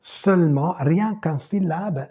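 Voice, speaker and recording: Guy teaching a language at a whiteboard, slightly high voice, thin phone-ish sound. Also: slightly rough, lo-fi sound. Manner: slow, lively, modeling pronunciation word by word.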